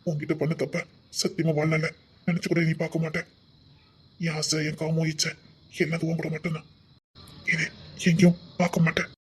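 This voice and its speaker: A man's voice: fairly high pitch, monotone, a little fast, pauses often, a little hiss or hum, lightly acted. A man voicing a pushy, devoted young suitor, murmuring half-whispered in an amateur audio drama. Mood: heartfelt.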